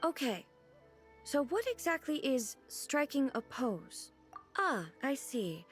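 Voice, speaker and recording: A stately female ruler speaks slowly and deliberately in a slightly raised, formal voice. She stays stiff and earnest, and soft game music hums behind her. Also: high-pitched, sing-song, full character voice. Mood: puzzled. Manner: measured, formal, earnest diction. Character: regal composed female ruler, stiff and formal, out of touch with everyday life. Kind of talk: video game cutscene voice acting.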